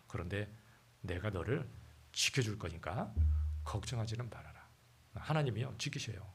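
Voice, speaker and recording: A man preaching a sermon in a church, talking with the congregation, asking them questions and reading scripture aloud. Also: lowish voice. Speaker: pastor.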